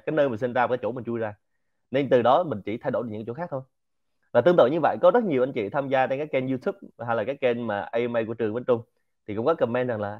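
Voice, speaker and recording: A man with a Central Vietnamese Quảng Nam accent giving a lively, informal lecture to a community and dropping English words into his talk. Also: mid-range voice, highs cut off. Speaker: speaker hosting a Q&A session.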